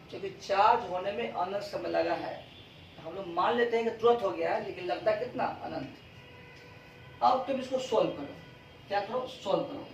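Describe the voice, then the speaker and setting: Slow-talking man teaching in an echoey classroom. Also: sits high, a little hiss or hum. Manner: asks questions and answers them himself. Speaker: physics teacher. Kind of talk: classroom lecture. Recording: roomy classroom sound from a distance.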